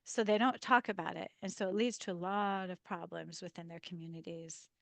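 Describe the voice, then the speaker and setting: Animated woman telling stories in an interview. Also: lowish voice, brisk, vocal fry, no echo. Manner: animated storyteller, laughs often, acts out quoted dialogue. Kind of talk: casual interview storytelling.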